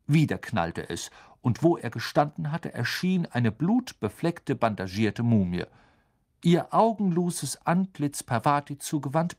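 Casting: male storyteller, lively and dramatic, with a melodic, wide-ranging pitch in scripted narration. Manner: expressive, dramatic reading with many voice shifts. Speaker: audiobook narrator.

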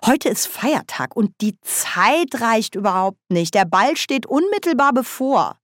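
A woman reading an audiobook, voicing a cheeky, boozy old witch woman with a loud, high, cackling voice. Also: big pitch swings, a little slow, dry recording, clean studio sound. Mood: merry. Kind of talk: audiobook character voice.

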